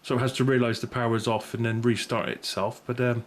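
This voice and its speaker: A middle-aged British man speaks briskly in a steady, medium-pitched voice while reviewing gear for a video. The review is informal and unscripted, meandering and tentative, and he often corrects himself. There is clear background noise and room ambience.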